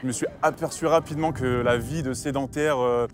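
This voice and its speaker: A man's voice: medium pitch, fairly even intonation, a little fast. A man in his late twenties speaking eagerly in a documentary interview, with some hesitations. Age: late 20s.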